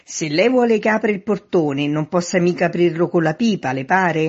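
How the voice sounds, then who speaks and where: A woman voicing a stubborn, literal-minded man who shouts up at a window. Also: fairly low pitch, normal speed, slightly rough, highs cut off, voice pushed up. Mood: shouting.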